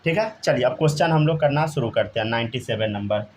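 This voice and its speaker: A man's voice: mid-range voice, lively intonation, fast, darkish tone, slight background noise. A man teaching a chemistry class, constantly prompting students to answer and checking they follow. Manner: keeps asking students to answer, often says "theek hai". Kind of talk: live classroom lesson.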